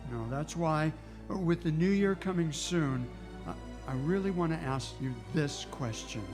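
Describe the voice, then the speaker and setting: A man's voice: on the high side, a little slow, over music, lightly acted. A man playing an easygoing, slightly awkward homicide inspector in 1940s radio drama style, folksy and hesitant. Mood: nervous.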